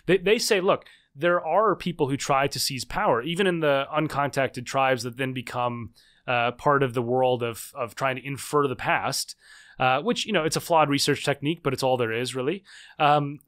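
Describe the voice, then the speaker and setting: A man in his thirties appears as a podcast guest in a conversational interview, speaking at a normal speed in a mid-range, slightly bright voice. He's thoughtful and hedges a lot, with frequent fillers and restarts.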